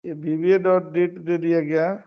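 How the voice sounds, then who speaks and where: Here a man with a fairly high pitch teaches online at normal speed, keeping his tone level as he explains things step by step and repeats phrases. It's a dull lo-fi meeting recording made through his computer mic on a video call.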